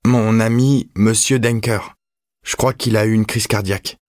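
A man's voice: fairly low pitch, fairly even intonation, unhurried, darkish tone, no echo, studio quality, voice pushed up, close to an everyday voice. A man voicing a frantic teenage boy in an audiobook, speaking in a raised, tense voice. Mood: strained. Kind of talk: audiobook character voice.

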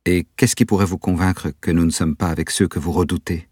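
A man reading an audiobook, voicing an indignant young woman who is quick to anger. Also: deep voice, steady tone, a little mellow, breathy edge, no room sound, clean studio sound. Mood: questioning. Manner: indignant, exclaiming. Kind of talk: audiobook character voice.

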